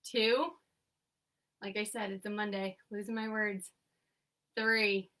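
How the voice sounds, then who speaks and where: Bright-voiced fitness instructor counting reps. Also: female voice, medium pitch, little pitch movement, slow, distant mic. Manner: counting reps aloud, upbeat coaching cues. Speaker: exercise instructor. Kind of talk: leading a seated workout class. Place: home, remote class. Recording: voice from away from the mic.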